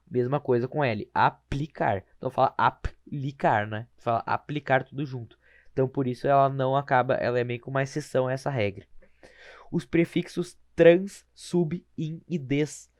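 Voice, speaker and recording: A man explaining grammar rules over slides, informal, often slowing to spell words out and correcting himself. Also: medium pitch, darkish tone, dry recording, clean studio sound. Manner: informal, repeats words slowly, self-correcting. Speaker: teacher.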